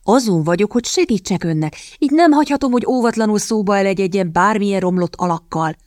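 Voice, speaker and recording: A mocking young gentleman, as a woman reads him. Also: mid-range voice, animated, no room sound, studio quality, natural voice. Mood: mock-helpful. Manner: drawling, teasing mock courtesy. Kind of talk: audiobook character reading.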